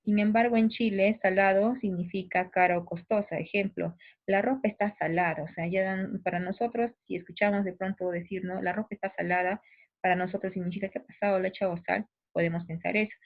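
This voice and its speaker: A woman's voice: mid-range voice, fairly even intonation, fast, few pauses. A woman teacher from Peru with a provincial Peruvian accent, patiently explaining a lesson to her students, often restarting her sentences and turning to address them directly. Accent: Peruvian provincial Spanish. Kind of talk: recorded class explanation. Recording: tinny phone-like audio.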